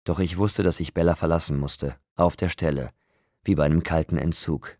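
A man narrating a novel in the first person, in a steady, restrained storytelling manner. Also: extremely low pitch, moderate pace, no room sound, clean studio sound. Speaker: audiobook narrator.

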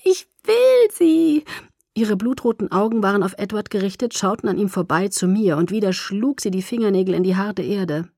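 A woman narrates a first-person audiobook in a measured, low-key way. Her voice is dark and mellow, and the recording is dry and close with no room sound. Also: fairly even intonation, no echo.

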